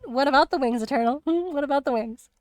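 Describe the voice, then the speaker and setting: A woman streamer chatting casually about a video game, rambling and animated with lots of fillers. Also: high voice, fast, a little hiss or hum. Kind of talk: casual spoiler chat on a live stream.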